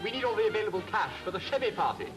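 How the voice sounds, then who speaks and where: A man's voice: high voice, big pitch swings, rapid-fire, over music. An actor playing a breezy, feckless young man with an upper-class English accent and airy period slang, in a comedy.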